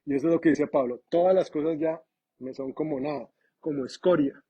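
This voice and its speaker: Husky, high-voiced male preacher. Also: a little fast, lo-fi sound. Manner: animated, conversational preaching with humor. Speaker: pastor. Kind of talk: sermon.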